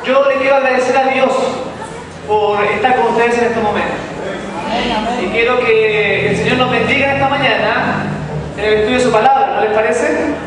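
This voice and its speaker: A man from Chile preaching a sermon in a church, leaning on key words and drawing them out slowly. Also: very high voice, steady tone, crowd noise. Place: large echoing church hall. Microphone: distant room mic. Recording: echoey hall recorded from far off. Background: room ambience and noise.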